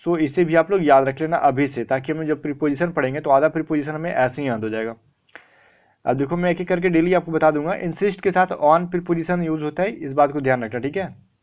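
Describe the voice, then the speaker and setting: A man's voice: a little high, fairly quick, highs cut off. Chatty young man teaching vocabulary. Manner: chatty, repeats "theek hai", asks and answers his own questions. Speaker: online exam-prep vocabulary teacher. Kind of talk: casual Hindi-English teaching.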